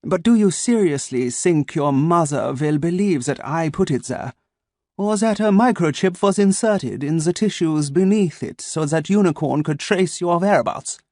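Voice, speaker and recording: A man reading an audiobook, voicing a soft-spoken male android with a German accent who poses as a doctor. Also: fairly high pitch, animated, no echo, clean studio sound, voice pushed up. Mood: cold, patronizing. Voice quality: soft, precise, measured.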